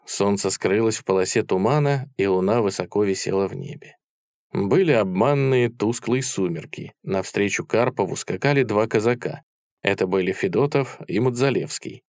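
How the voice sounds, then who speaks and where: Low-voiced man narrating a war novel. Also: a little mellow, no echo, studio quality. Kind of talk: audiobook narration.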